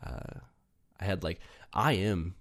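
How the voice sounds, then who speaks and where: A young man with a deep, low voice co-hosts a podcast. He chats casually and rambles through his stories, full of fillers and easy laughter. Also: lively intonation, takes it slowly, creaky, a bit bright. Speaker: podcast co-host. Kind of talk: casual chat.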